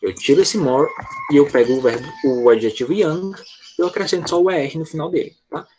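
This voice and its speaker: A man's voice: on the high side, fairly quick, darkish tone, slight background noise. Patient Brazilian man teaching a class. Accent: Brazilian Portuguese. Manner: patient, step-by-step, checks understanding often. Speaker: English teacher. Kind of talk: online class explanation.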